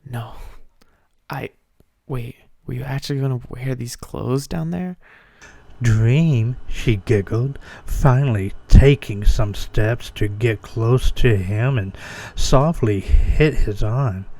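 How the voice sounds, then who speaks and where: Slow-talking man reading fan fiction. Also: medium pitch, vocal fry, mellow. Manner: breaks character with amused asides.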